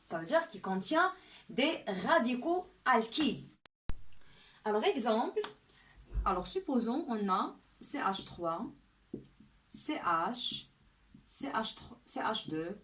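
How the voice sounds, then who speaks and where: A woman's voice: on the high side, very animated, a bit bright. A woman teaching a chemistry lesson step by step, often checking in with "d'accord?". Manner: slow and deliberate, often asks "d'accord?".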